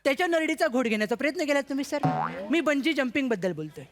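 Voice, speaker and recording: A man's voice: very high voice, very animated, racing, soft background music. A male comic actor playing an interviewer who is formal and mock-polite, addressing his guest as sir while insulting him. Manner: formal and mocking, says sir every line. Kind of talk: sketch comedy interview.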